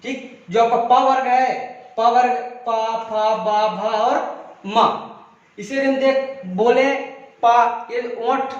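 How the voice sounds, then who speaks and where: A man's voice: extremely high pitch, steady tone, slow. A man teaching a grammar lesson, drilling sounds one by one and asking the class questions, then answering them himself. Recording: echoey room, mic far, dull sound.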